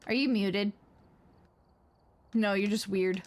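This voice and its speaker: Brief: young female streamer host, unhurried delivery, chatty and theatrical, giggles a lot. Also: medium pitch. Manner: chatty, laughs often, dramatic reactions. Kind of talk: casual live-stream chat while gaming.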